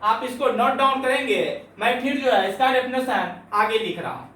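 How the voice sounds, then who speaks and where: Bright-voiced male teacher in echoey room. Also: very high-pitched, normal speed, recorded from a distance. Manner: asks questions and answers them himself, repeats key points; frequent filler "jo hai". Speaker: Hindi grammar teacher. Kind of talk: classroom lesson.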